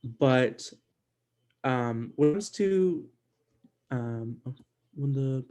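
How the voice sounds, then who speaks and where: A man teaching an online language class in a casual, halting way, with many fillers and restarts. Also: medium pitch, expressive, darkish tone.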